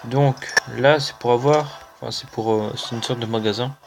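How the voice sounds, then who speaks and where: Over background music and noise, a gaming channel host with a French accent chats casually about a mobile game he's playing. His medium-pitched voice stays fairly even in intonation. He's slow and unhurried, hesitant, and leans on lots of "euh" fillers.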